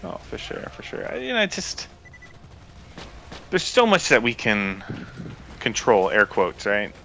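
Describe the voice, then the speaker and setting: A man with a low, bright voice chats casually on a gaming podcast. He rambles in a relaxed way and laughs often. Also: measured pace, vocal fry, slight background noise. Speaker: podcast co-host.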